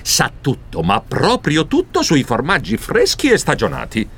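A man narrating a children's storybook in the first person, expressive and flustered. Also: on the high side, a little slow, breathy edge. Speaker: audiobook narrator.

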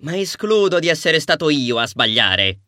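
A man voicing a vain, touchy young male messenger god who talks haughtily and snaps quickly. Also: fairly high pitch, sing-song, bright, forceful tone, dry recording, clean studio sound. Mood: haughty. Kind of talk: audiobook dialogue.

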